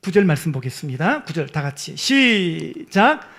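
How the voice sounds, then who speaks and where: A man preaching as pastor, swinging from hushed whispers to loud, pleading cries. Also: on the high side, very animated, normal speed, creaky. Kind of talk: sermon.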